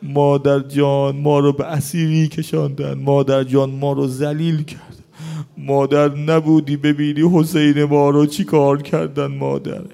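A man's voice: on the high side, completely flat delivery, vocal fry, dark tone. A man voicing a grieving woman who pleads to her mother in a wailing lament during a mourning sermon.

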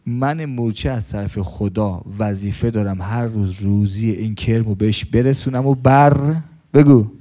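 A man giving a colloquial sermon in a mosque, telling stories and asking the congregation questions, swinging between loud stresses and hushed lines. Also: on the low side. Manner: storytelling, asks the congregation questions. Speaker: preacher.

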